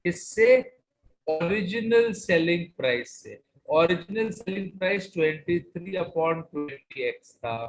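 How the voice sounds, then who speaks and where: A male teacher with a North Indian accent and a slightly high voice. He lectures an online class step by step, slipping between Hindi and English and pausing to check that students follow. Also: lively intonation, rough recording. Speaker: maths teacher.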